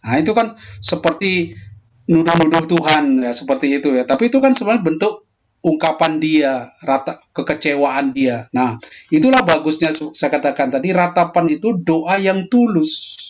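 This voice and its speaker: A man lecturing calmly in a pastoral theology talk, answering a question, and lifting his voice when he acts out quoted prayers. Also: fairly high pitch, moderate pace, lo-fi sound. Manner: explains calmly, voicing heated quoted prayers more loudly.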